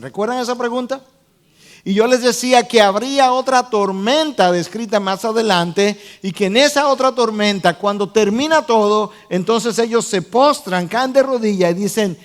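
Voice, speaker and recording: A man pastor preaching a sermon, explaining the text step by step, defining original-language words and putting questions to his listeners. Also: high voice.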